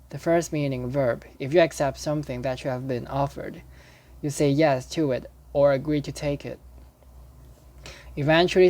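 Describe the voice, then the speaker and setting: Man learning English, reading dictionary entries aloud in a careful, halting way, spelling words out and correcting his own slips. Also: medium pitch, a little mellow.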